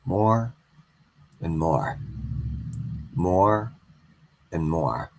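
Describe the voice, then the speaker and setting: A man guiding a slow hypnosis induction, soothing and repetitive. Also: sits low, vocal fry, rough recording.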